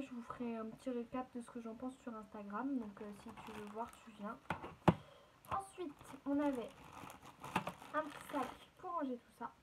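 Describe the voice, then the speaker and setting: A woman's voice: on the high side, noisy background. A woman chatting casually to her viewers as she unboxes and shows off a beauty haul, with plenty of fillers. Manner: chatty, filler-heavy, addresses viewers directly.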